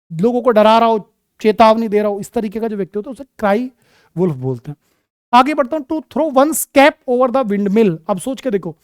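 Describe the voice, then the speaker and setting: A man teaching an exam-prep English vocabulary lesson in a mix of Hindi and English. He talks to his students fondly, calling them "my child", and spells words out slowly, letter by letter. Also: very high voice, fairly bright tone, clear, resonant tone, no room sound, clean studio sound. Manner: affectionate, calls students "my child" and "beta".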